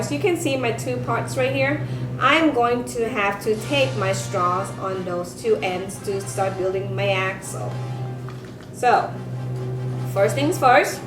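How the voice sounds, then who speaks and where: A woman giving a step-by-step craft lesson for children, speaking like a bright kids' presenter and teacher. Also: fairly high pitch. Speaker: elementary science teacher presenting a craft tutorial. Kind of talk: step-by-step instructional demonstration for children. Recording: roomy echo with music behind.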